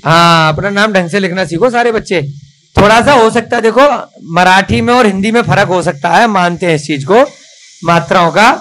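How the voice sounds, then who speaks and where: A man teaching children to write a script in a classroom, coaxing and praising them and spelling out each stroke slowly. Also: high voice, fairly bright tone, a little hiss or hum, poor audio.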